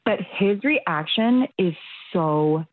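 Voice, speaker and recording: A woman's voice: on the low side, animated, crowd noise. Young woman caller on a tinny phone line. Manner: chatty, quick run-on storytelling. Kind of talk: casual phone call storytelling.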